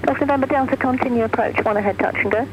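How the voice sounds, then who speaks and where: A woman's voice: a little high, rapid-fire, lo-fi sound. A woman working as an air traffic controller, giving formal radio instructions heard over a pilot headset.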